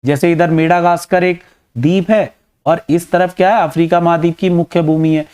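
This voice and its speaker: A man teaching geography in Hindi with an Indian accent, walking through a map and turning key facts into quick questions with frequent "है ना" checks. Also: a little high, steady tone, darkish tone, clean tone. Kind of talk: exam-prep map lesson.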